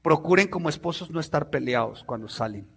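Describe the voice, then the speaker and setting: A middle-aged man, preaching a sermon in an animated way and acting out voices. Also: fairly high pitch, a little fast, gravelly, breathy edge. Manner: animated, acts out voices with sudden loud outbursts.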